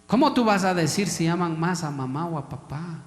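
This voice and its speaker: A male pastor with an Ecuadorian accent delivers a sermon in a high, ringing voice. He presses his listeners with questions and keeps calling them brother. The room is a big hall with a long, echoing reverb. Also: lively intonation, normal speed. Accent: Ecuadorian Spanish. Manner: preachy, repeatedly addresses listeners as brother.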